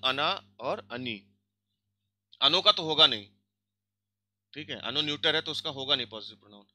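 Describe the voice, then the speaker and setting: A man teaching an online grammar lesson, drilling word forms aloud and asking questions that he answers himself. His voice is fairly high and very bright. It is recorded dry and close. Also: dry recording. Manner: mixes Hindi and English. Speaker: language teacher.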